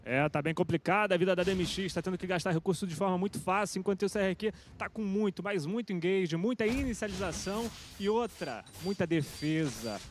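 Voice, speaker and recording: A man's voice: sits high, brisk. A man with a Brazilian accent giving casual live esports commentary as a co-caster. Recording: clearly noisy feed with clicks.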